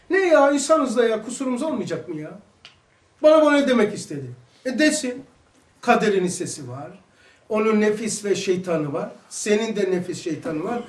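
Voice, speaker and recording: A man with a Turkish accent giving an informal religious lesson, animated and full of rhetorical questions. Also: high-pitched. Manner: animated, acts out quoted voices, rhetorical questions. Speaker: religious teacher. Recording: echoey room, mic some distance away.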